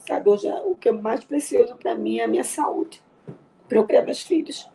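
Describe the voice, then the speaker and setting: Gravelly-voiced mother from Recife. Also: a little high, moderate pace. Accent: Brazilian Portuguese, Recife. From Recife, Brazil. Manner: quiet, heartfelt, faith-filled talk. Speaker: grieving mother, guest. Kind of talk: emotional interview.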